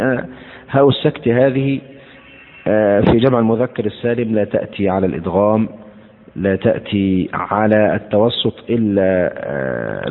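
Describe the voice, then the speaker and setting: A male teacher explaining recitation rules in a slow, deliberate lecture, repeating words to show how they are pronounced. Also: fairly low pitch. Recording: tinny phone-like lecture recording in a hall.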